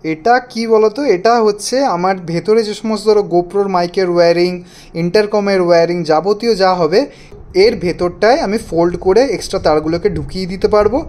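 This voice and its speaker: With a high-pitched, darkish voice at a slightly fast clip, a man reviews motorcycle gear in a relaxed hands-on demonstration, explaining directly to his viewers. Faint background noise and room echo are audible.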